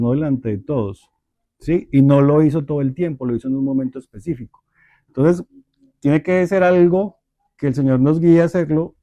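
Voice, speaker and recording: A man with a Colombian Spanish accent teaching a church parenting class in a calm, explanatory way, often checking in with his listeners. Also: on the high side, no room sound. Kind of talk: Bible teaching in a small group discussion.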